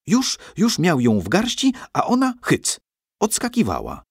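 Mężczyzna czytający opowieść, barwnie i ekspresyjnie. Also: male voice, high-pitched, unhurried, vocal fry, husky, dry recording, studio quality. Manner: lively, expressive storytelling. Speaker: audiobook narrator. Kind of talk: scripted story narration.

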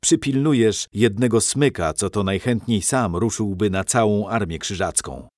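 A man voicing a gruff, commanding knight and father in a storybook, speaking low and firm. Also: moderate pace, darkish tone, no room sound, clean studio sound, close to an everyday voice. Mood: stern.

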